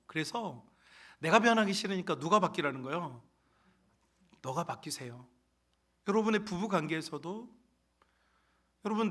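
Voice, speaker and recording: A male pastor preaching a sermon in a church sanctuary. He keeps calling out to the congregation and swings sharply between soft and loud. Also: on the high side.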